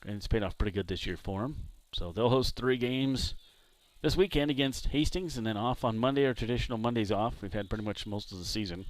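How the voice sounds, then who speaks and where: A man from San Diego doing play-by-play commentary for a baseball game, chatting between pitches. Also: a little fast, no echo. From San Diego, California. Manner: relaxed, chatty between pitches, jumps up loud on big hits. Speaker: play-by-play announcer.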